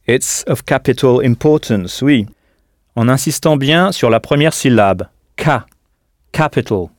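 A man's voice: mid-range voice, lively intonation, measured pace, no echo, clean studio sound. A man teaching a scripted audio language lesson, patient and didactic, prompting the listener to answer.

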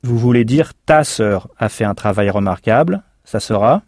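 A man's voice: on the low side, lively intonation, moderate pace, a little mellow, no room sound, studio quality. A man teaching in a recorded language course, explaining patiently and spelling words out letter by letter. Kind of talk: recorded language lesson narration.

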